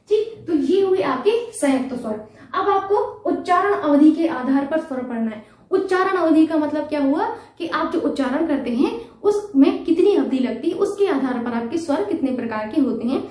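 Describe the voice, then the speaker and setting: In an echoey room, far from the microphone, a woman with a high, slightly mellow voice runs a Hindi grammar class aimed at exam preparation. She keeps asking her students questions, then supplies the answers and patiently goes over the key terms again.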